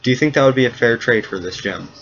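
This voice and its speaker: A man's voice: fast, fairly bright tone. Guy running a d&d game, casual and joking around, kinda muffled recording. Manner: casual, laughs at his own story. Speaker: game master. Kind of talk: narrating a tabletop game and voicing characters. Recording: dull low-fi sound with faint noise.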